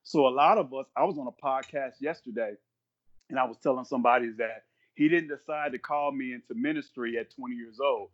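A man in his fifties, a minister appearing as a podcast guest, speaks earnestly at a fairly quick clip with a medium-pitched voice. He repeats himself and quotes scripture, giving the conversation a preaching flavor. The recording sounds muffled.

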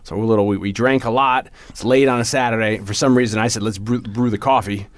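A man's voice: fairly low pitch, fairly even intonation, fast, no echo. A man co-hosting a movie podcast in loose, casual chat. He rambles, cracks jokes and laughs often, sounding a bit wired from coffee. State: jittery from coffee. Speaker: podcast co-host.

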